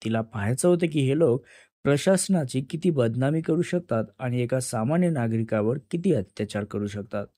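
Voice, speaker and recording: A man narrating a dramatic story in a steady storytelling manner. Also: medium pitch, normal speed, no room sound, studio quality.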